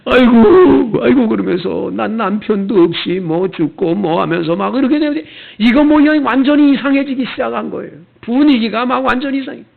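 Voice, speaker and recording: A male pastor preaching a sermon, telling stories in an animated way and acting out the people in them. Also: very high-pitched, a little fast, creaky, hardly any pauses. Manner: animated storytelling, acting out the characters. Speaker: senior pastor. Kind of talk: sermon with storytelling. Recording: tinny phone-like sound.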